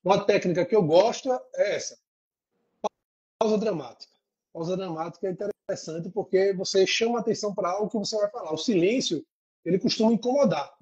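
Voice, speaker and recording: A man's voice: sits high, fast, a little mellow, breathy edge, muffled recording. A man, a lawyer, giving practical advice in an interview and explaining step by step. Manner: didactic, explains in lists. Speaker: lawyer guest.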